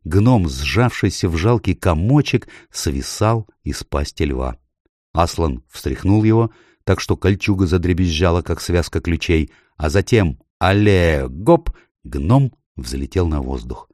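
A man reading an audiobook aloud in a measured, expressive storytelling manner. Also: low voice, dry recording, studio quality. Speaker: audiobook narrator. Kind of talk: scripted audiobook narration.

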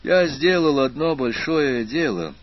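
A gloomy, remorseful young graduate student, played by a male narrator, slow and heavy-hearted. His voice is low and husky. The audiobook recording has a slightly dull tone. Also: animated. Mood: subdued.

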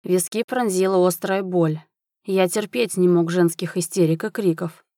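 Woman audiobook narrator, low voice, dry close booth, expressive fiction reading. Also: normal speed, dry recording.

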